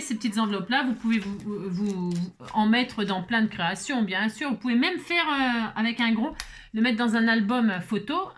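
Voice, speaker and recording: A woman's voice: fairly high pitch, fairly bright tone, a little hiss or hum. A middle-aged woman chatting casually through a crafting tutorial, rambling, restarting and stammering, with self-mocking asides. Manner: stutters and restarts often. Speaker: craft vlogger.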